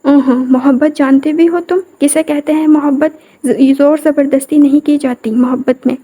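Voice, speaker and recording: A woman's voice: high voice, fairly even intonation, dark tone, lightly acted. A woman reading the lines of a defiant young bride in a scripted audio novel, answering back indignantly. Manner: indignant, retorting.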